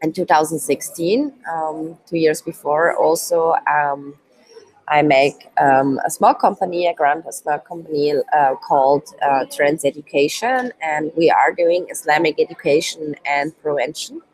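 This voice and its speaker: A woman in her twenties from Switzerland, with Turkish roots, delivers a live online training presentation as a youth work trainer while sick. Her non-native English is hesitant and full of ums, and her husky voice sits low, with a darkish, unhurried tone. The recording is rough.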